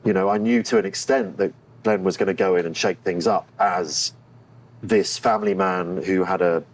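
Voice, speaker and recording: Speaking in a steady, low-pitched tone, this interviewed actor is frank and reflective, pausing often while he gropes for words. The poor recording carries noticeable background noise behind his voice.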